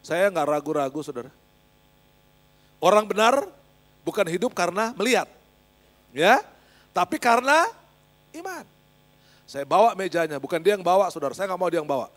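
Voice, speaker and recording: A man's voice: high voice, big pitch swings, moderate pace, pauses often, fairly bright tone. A male pastor giving an emphatic sermon with a personal testimony, often turning to address the congregation directly.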